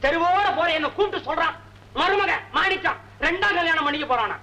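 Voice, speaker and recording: A man's voice: very high voice, fast, pushed and bright, heavily acted. An actor playing a meddling village neighbor man who coaxes and pleads, in 1970s film acting. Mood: coaxing. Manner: coaxing, pleading.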